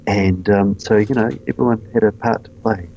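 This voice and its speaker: A man chatting casually about his writing, with quick enthusiastic agreement. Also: fairly low pitch, fairly even intonation, dark tone, lo-fi sound, slight background noise. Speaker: scriptwriter. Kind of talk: casual chat.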